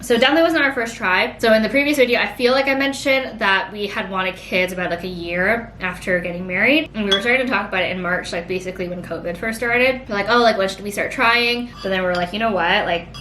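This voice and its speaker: A woman's voice: fast, hardly any pauses, sharp tone. A woman in her late twenties chatting casually through a pregnancy Q&A, rambling and filling her sentences with "like". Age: late 20s. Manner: rambling, heavy use of "like". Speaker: vlogger. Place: home. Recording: echoey room, faint rumble.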